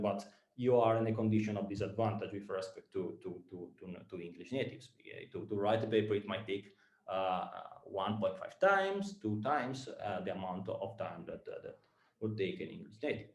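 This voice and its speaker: This man is an Italian-accented startup founder from Italy addressing students; his delivery is halting, packed with fillers and repeated words. The voice is lowish with a fairly bright tone, in an echoey room.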